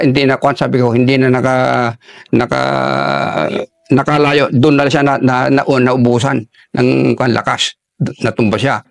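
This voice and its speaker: An older man, an army veteran, telling a war story in an interview in a halting way, with many restarts, and dropping his voice for quoted lines. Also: medium pitch, vocal fry, no room sound, studio quality. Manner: halting, restarts often while recalling combat.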